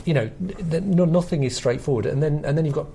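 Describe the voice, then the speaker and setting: Talking fast in a slightly high, creaky, warm voice, a middle-aged British podcast co-host works through comedy history in conversation. He's reflective and hesitant as he explains things. A little hiss or hum sits under the recording.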